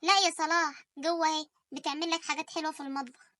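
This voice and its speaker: A young woman with an Egyptian Arabic accent voicing a jealous, scheming sister in an animated story, quick and sharp-tongued. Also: high-pitched, dry recording.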